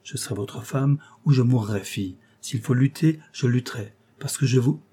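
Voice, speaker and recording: A devoted young noblewoman, calm and resolute, voiced by a man reading the story. Her lines come softer than the narration, in a dark, husky tone close to the reader's own. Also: mid-range voice, moderate pace, close to an everyday voice. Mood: earnest vow.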